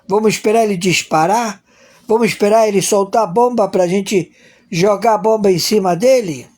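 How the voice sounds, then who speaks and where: A man's voice: sits high, moderate pace, darkish tone. A man giving a crude, profane political rant in an emphatic, repetitive way, acting out imagined dialogues.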